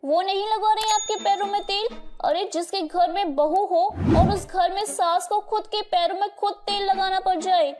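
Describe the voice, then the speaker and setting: A woman's voice: extremely high pitch, fairly even intonation, normal speed, hardly any pauses, pitched above the performer's own voice. A woman voicing a scheming young married sister-in-law who taunts and complains, over light music. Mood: taunting.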